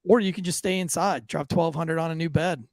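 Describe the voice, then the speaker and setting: This man co-hosts a podcast, trading loose jokes and swearing before a sponsor ad read he keeps restarting. His slightly high voice is darkish in tone and fairly quick. The studio-quality recording has no echo.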